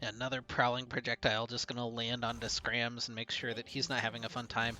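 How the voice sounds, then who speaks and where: A young man casting an esports match, chatty between plays and calling the action fast when fights break out. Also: medium pitch. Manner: rises to fast excited calls in fights; chatty, laughs between anecdotes. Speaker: esports caster. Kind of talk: play-by-play game commentary.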